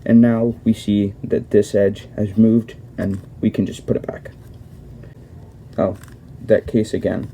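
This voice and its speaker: A young man walks through a tutorial in a casual, step-by-step way, restarting and correcting himself as he goes. His voice sits low and dark, with little rise or fall. A faint hiss runs under the recording. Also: level tone, measured pace, vocal fry. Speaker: cube tutorial host.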